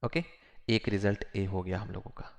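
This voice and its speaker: A male physics teacher giving a classroom lecture, repeating phrases slowly and mixing Hindi with English. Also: fairly low pitch, steady tone, gravelly, darkish tone.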